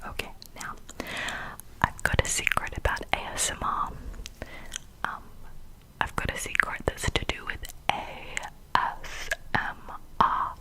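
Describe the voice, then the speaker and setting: Slow cupped-hand ASMR whisper. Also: low-quality recording. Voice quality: breathy, unvoiced whisper. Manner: slow, softly repeats words and phrases. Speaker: ASMR video maker.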